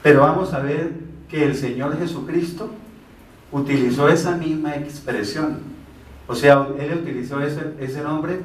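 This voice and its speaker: A man's voice: a little high, measured pace. A man teaching the Bible as a preacher, explaining verses step by step and answering his own rhetorical questions. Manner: poses rhetorical questions and answers them himself. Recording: roomy, from a distance.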